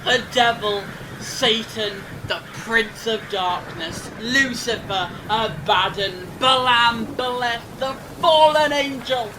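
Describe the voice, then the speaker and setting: An actor playing a defiant, mocking time-travelling alien hero, sardonic and theatrical, in a fan audio drama. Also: male voice, slow pace. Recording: noisy rumbling ambience.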